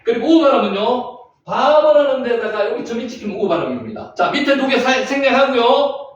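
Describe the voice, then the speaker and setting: A man with a very high voice leads a Bible class, drilling his students and repeating each point. He is recorded from a distance in a very echoey room, and the sound is dull and lo-fi with faint noise. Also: expressive, a little fast. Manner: repetitive, drilling students with questions. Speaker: Bible teacher. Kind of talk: classroom lecture.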